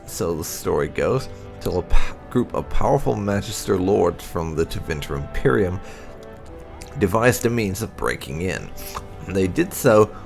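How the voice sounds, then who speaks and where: A man with a fairly low, creaky voice hosts a gaming video, reading lore entries aloud in a theatrical, expressive way and dropping in occasional asides.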